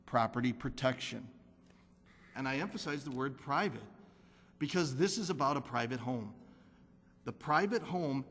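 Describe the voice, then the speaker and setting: A man serving as a city council alderman, giving an earnest, repetitive speech at a council meeting and insisting on data. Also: mid-range voice. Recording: council chamber with long reverb.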